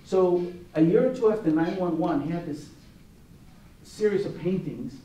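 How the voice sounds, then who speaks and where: A man's voice: sits high, normal speed, dark tone. A man serving as juror of an art competition, giving an informal gallery talk with many restarts and anecdotal asides. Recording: roomy echo, distant mic, faint noise.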